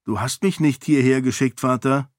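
In an audiobook, a man gives voice to a sharp-witted young royal woman, raising his pitch above his own and speaking with quick self-assurance. His voice sits mid-range and stays close to everyday speech, recorded with clean studio quality and no room sound.

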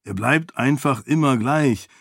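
A man voicing a calm, sceptical male friend who explains things in a level way. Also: medium pitch, measured pace, no room sound, studio quality. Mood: explaining.

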